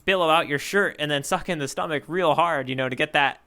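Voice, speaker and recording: A man co-hosts a podcast, chatting casually about manga with wordy, playful descriptions. His voice sits on the high side, smooth but sharp in tone, and a little fast.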